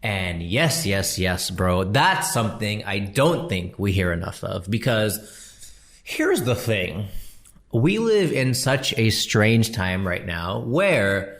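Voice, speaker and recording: A man's voice: lowish voice, big pitch swings, slow, a bit bright. A man in his thirties hosting a podcast, talking casually and answering a listener in a chatty, slangy way. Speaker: podcast host and comedian.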